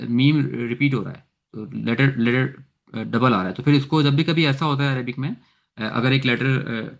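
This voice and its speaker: Gravelly-voiced man teaching grammar, halting. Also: mid-range voice, a bit bright. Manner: halting, many filler sounds, mixes English terms into Urdu. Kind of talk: explanatory online lesson.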